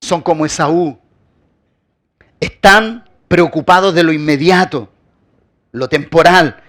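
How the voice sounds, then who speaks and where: Speaking slowly in a slightly high voice, this male pastor preaches by repeating key words for emphasis and posing rhetorical questions. His phrases frequently trail off into quiet.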